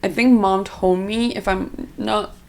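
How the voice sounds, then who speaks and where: A young woman co-hosting a podcast, chatting casually in an animated, joking way. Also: mid-range voice, a little slow, vocal fry, slight background noise. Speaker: podcast co-host. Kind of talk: casual chat.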